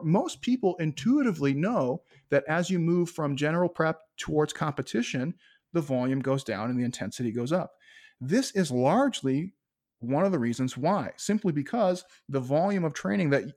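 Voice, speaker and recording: A man speaking as a sports physiology consultant on a podcast, explaining training ideas one step at a time. His pitch sits in an ordinary middle range. He often checks in with a quick "right?" as he builds his points. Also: a little mellow. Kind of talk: explanatory interview talk.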